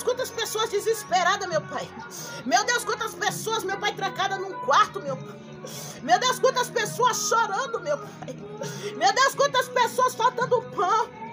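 A woman missionary with a very high voice leads a fervent prophetic prayer. She speaks to listeners by name and breaks into speaking in tongues. Worship music plays clearly under her voice.

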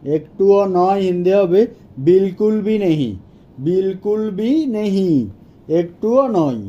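A man teaching a language lesson, his voice high but deeply mellow. He takes his time and repeats every phrase carefully, and the recording sounds a little dull and lo-fi. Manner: repeats each phrase slowly and clearly. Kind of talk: Hindi lesson for Bengali speakers.

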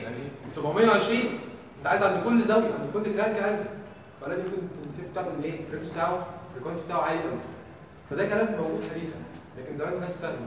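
A man's voice: high voice, fairly bright tone, slight background noise. A young Egyptian man teaching a university engineering section, constantly firing questions at the class. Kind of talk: university tutorial lecture. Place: large lecture hall. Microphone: distant room mic. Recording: echoey hall recorded from far off.

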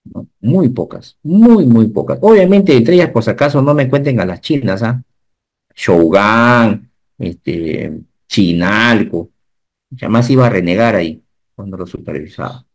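A man, giving an animated online safety lecture and often checking whether the class follows. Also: on the low side, measured pace. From Peru. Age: 50s. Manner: animated teacher, asks the class checking questions. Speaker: occupational safety instructor.

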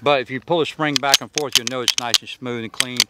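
A man's voice: medium pitch, fairly even intonation, fast talker, very noisy. A middle-aged man casually explaining a pistol at an outdoor shooting range. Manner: easygoing, explanatory. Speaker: firearms company representative.

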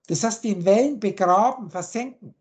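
With a medium-pitched, slightly mellow voice and a moderate pace, this teacher lectures over a video call, explaining word roots through long lists of words and their meanings.

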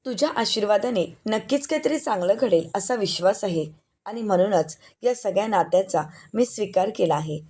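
An anxious young bride hoping her marriage will last, as a woman narrator reads her lines. Her delivery is earnest and prayerful, in a medium pitch, read as a storybook recap. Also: animated, a little fast, dark tone, husky. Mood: prayerful, hopeful. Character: worried young bride praying alone.

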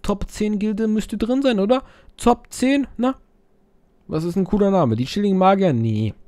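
This young let's player has a high, slightly mellow voice, a measured pace, and no room sound. He messes around during casual game commentary, crude and foul-mouthed, putting on silly voices to read viewer messages.

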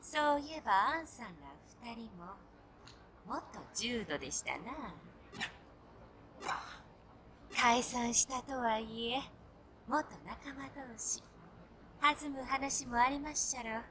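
A woman's voice: fairly high pitch, expressive, takes it slowly, a bit bright, slight background noise. A woman voicing a polite but menacing young female hacker in a video game, with a Kyoto Japanese accent and old-fashioned courtly phrasing. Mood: teasing, polite. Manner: genteel Kyoto dialect with archaic courtesan-style phrasing.

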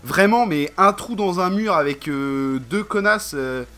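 Bright-voiced rambling man vlogger. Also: high voice, lively intonation, measured pace. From France. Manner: rambling, slangy, full of fillers. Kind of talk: casual vlog chat.

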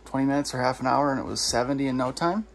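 A woman with an extremely low-pitched voice talks casually inside a small trailer. She chips in from behind the camera with informal remarks. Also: racing, creaky. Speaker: camera operator.

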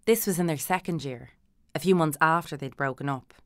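A woman narrates a literary audiobook in a low, steady voice, measured and dry in her reading. The sound is close and dead, with no room around her. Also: dry recording.

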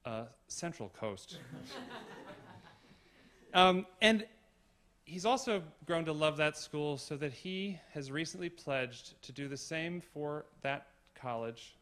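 A middle-aged man, a university provost, giving a formal tribute speech in a concert hall, measured with gentle humor. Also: fairly high pitch, lively intonation.

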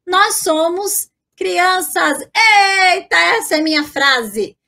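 A woman with a Brazilian Portuguese accent teaching an online French lesson. She is lively and encouraging and slowly models French phrases for the viewer to repeat. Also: very high voice.

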